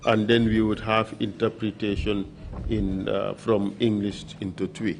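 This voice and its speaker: Brief: man leading formal testimony, unhurried and procedural, faint noise behind. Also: on the low side, level tone, creaky. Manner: slow, measured, procedural. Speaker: hearing panel questioner.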